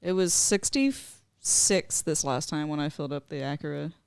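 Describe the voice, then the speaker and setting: A man co-hosts a casual podcast chat, blunt and profane in his banter. His voice is a little high. The room sounds dry and close. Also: moderate pace, creaky, clean tone, no echo. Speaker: podcast co-host.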